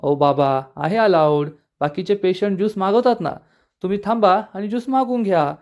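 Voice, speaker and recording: A man's voice: sits high, normal speed, a little mellow, voice pushed up. A man voicing a fussy female nurse who scolds and coaxes a patient. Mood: coaxing. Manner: scolding, coaxing.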